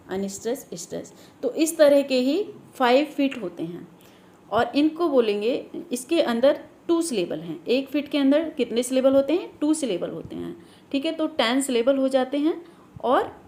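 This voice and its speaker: A woman teacher running an exam revision class on literary terms, mixing Hindi and English, reading English definitions slowly and often adding "guys". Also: on the high side, darkish tone, slight background noise. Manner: often adds "guys" and "theek hai".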